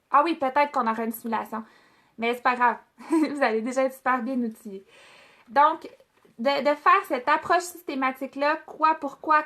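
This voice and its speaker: A woman's voice: high-pitched, sharp tone. A woman with a Québécois French accent leading a casual product training, chatty, with many fillers and restarts as she speaks directly to her trainees.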